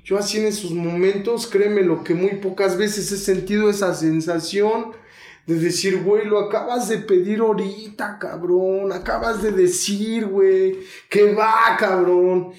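This emotional personal testimony comes from a thirtysomething guest with a Mexico City accent who recounts his recovery in slangy, intense fashion, imitating the voices of those involved. His voice sits high and steady, a little slow, and the sound is roomy.

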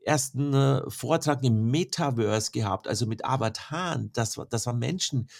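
A man's voice: medium pitch, moderate pace, vocal fry. A man working as a speaker coach, explaining his points in an interview and often ending with a questioning "ne?". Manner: lively explaining, tag questions. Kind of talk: interview answers.

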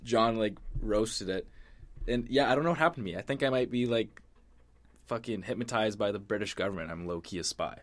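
Laid-back young man with a low voice. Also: a little fast. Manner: laid-back, profane, drops his voice low. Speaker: podcast co-host. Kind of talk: casual chat.

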